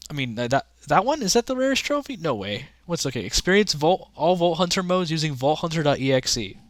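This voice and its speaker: A man's voice: fairly high pitch, big pitch swings, brisk, no echo, clean studio sound. A young man rambling casually to his chat during a livestream, often restarting sentences. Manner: rambling, chatty, talks to chat. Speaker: streamer.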